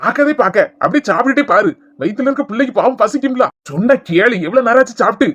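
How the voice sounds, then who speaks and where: A woman's voice: a little high, animated, quick pace, fairly bright tone, husky, highs cut off, pitched below the performer's own voice. A woman voicing a caring older man who fusses and keeps urging a pregnant relative to eat, in a homemade family skit. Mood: coaxing. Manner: fussing, urging her to eat. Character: caring older man, father-in-law, gently coaxing.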